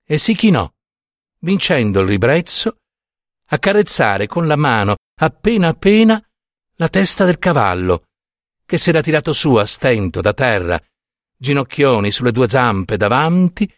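A man reads a literary short story in a measured, expressive way. His pitch moves a great deal, rising and falling with the scene. The sound is dry and close, with no room around it. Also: dry recording. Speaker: reader. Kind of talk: literary audiobook narration.

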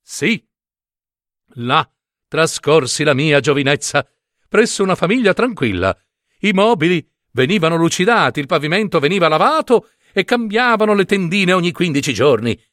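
A man's voice: a little high, sing-song, moderate pace, fairly bright tone, no room sound, clean studio sound. A man doing a proud genteel lady clay pot. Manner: genteel, self-satisfied storyteller. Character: proud chatty female clay cooking pot.

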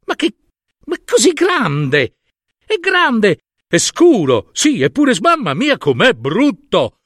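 A man voicing a crowd of mocking barnyard ducks and hens in a storybook reading, squealing and very high. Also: wildly swooping pitch, slow, fairly bright tone, no echo, clean studio sound, full character voice. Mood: jeering.

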